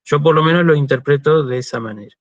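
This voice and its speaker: An Argentine man with a slightly high voice talks fast in this lo-fi, echo-free recording of an online university lecture. He patiently explains, often pausing to ask "¿sí?" and leaning on "este" as a filler.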